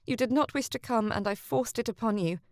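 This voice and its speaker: A woman voicing a headstrong young noblewoman with sharp, indignant retorts. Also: on the high side, fairly quick, no room sound, studio quality, voice pushed up, lightly acted. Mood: pleading rueful.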